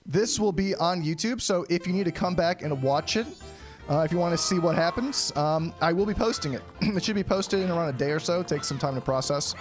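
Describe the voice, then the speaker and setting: A man giving casual live speedrunner commentary, explaining each step of a game to viewers and often clearing his throat. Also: on the high side, a little fast, over music. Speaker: speedrunner streaming a game challenge.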